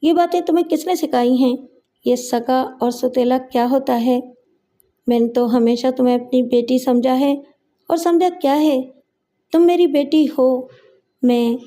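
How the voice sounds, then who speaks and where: A woman reading the part of a loving, hurt stepmother with soft, pleading speech in a story. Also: sits high, fairly even intonation, close to an everyday voice.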